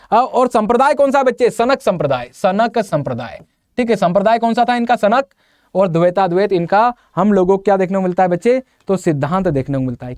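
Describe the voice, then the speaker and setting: Man, teacher, exam-prep lecture, high voice, repetitive quiz-style questions, dry sound. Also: dry recording. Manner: repeats questions to students and answers them himself; lively, uses memory tricks and jokes.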